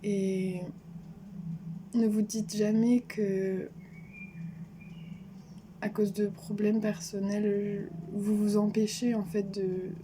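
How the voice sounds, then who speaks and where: A woman's voice: medium pitch, little pitch movement, very slow, long pauses. Earnest young Frenchwoman, noisy background. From France. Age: young adult. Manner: hesitant, many fillers and restarts, earnest advice. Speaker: vlogger. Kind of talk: casual vlog monologue.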